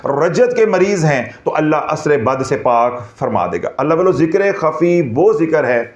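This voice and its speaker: A man preaches in an animated way, his voice pitched a little high for a man. The recording is echoey and slightly dull, as if from a reverberant room. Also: moderate pace. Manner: animated, mixes in Punjabi phrases and humor. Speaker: Islamic spiritual teacher. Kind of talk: devotional lecture.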